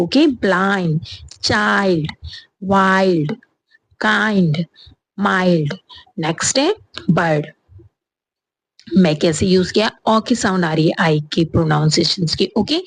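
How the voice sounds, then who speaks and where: A woman with an Indian accent teaches a spoken English lesson and explains spelling rules one word at a time. She talks at a slow, unhurried pace, and her voice has a breathy, husky edge. The recording is dry and close, with no room sound. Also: mid-range voice, no echo, rough recording. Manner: explains spelling rules step by step, repeating words.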